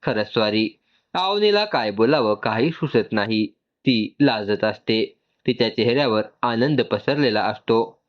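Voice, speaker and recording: Male narrator, even and calm storyteller, muffled recording. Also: mid-range voice, unhurried. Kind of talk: scripted narration.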